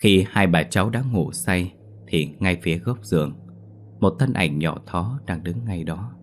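A man narrating a ghost story in a steady, measured reading. His voice sits very low and deep. The telling stays even and scripted throughout.

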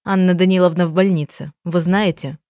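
A woman reading the lines of a calm, firm woman detective who talks quietly and gently in an audiobook. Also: fairly low pitch, fairly quick, dry recording, studio quality, lightly acted. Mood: gentle. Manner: quiet and gentle, turning stern. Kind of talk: audiobook dialogue.

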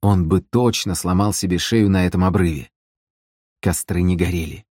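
A man narrates a fantasy audiobook in a low voice, with a measured and dramatic delivery. The recording is dry and close to the mic. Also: a little mellow, no echo. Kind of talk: scripted narration.

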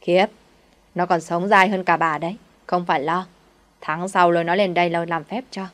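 A woman's voice: fairly low pitch, steady tone, normal speed, fairly bright tone, lightly acted. A woman voicing a greedy, scornful middle-aged female village shaman who sneers and scolds.

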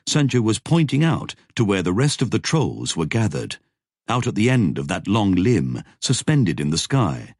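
A man narrating an audiobook with slow, lively storytelling. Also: lowish voice, dry recording, clean studio sound. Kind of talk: scripted narration.

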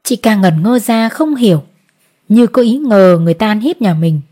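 A woman narrating a literary story as an audiobook reader, in measured storytelling. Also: mid-range voice, lively intonation, dark tone.

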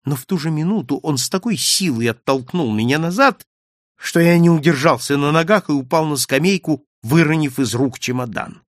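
A man reading a first-person adventure story aloud with dramatic, expressive storytelling. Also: fairly high pitch, normal speed, dry recording, clean studio sound. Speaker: audiobook narrator. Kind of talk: first-person literary narration.

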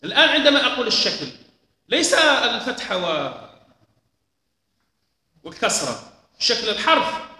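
A man teaching a lesson, explaining slowly and deliberately, repeating key points. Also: very high voice, big pitch swings, pushed and bright. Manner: slow, deliberate explaining with repetitions. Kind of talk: lecture on hadith transmission. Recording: echoey hall with long reverb.

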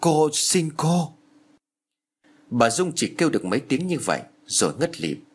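Husky male storyteller, expressive. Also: medium pitch, fast talker. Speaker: narrator. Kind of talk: audiobook story reading.

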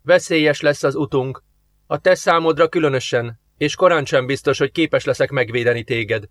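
A man's voice: mid-range voice, dry recording, studio quality, natural voice. A man voicing a stern, impatient young angel who talks in a curt, commanding way, read for an audiobook.

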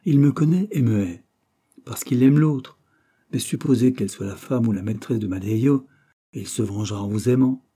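A man voicing a cunning, gallant masked bandit chief in an audiobook, speaking with emphatic, lively outbursts. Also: mid-range voice, normal speed, slightly rough, lightly acted. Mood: plotting. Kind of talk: audiobook character voice.

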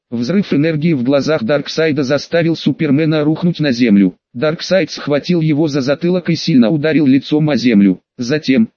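A man reads an audiobook evenly and matter-of-factly, his voice sitting slightly high. The sound is dry and muffled, like a lo-fi recording. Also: dry recording. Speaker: audiobook narrator. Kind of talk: scripted narration.

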